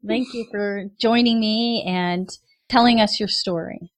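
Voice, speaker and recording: A woman's voice: medium pitch, fairly even intonation, a little slow, no room sound. A woman hosting an interview podcast, asking questions in an upbeat, eager way and laughing often. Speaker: podcast host.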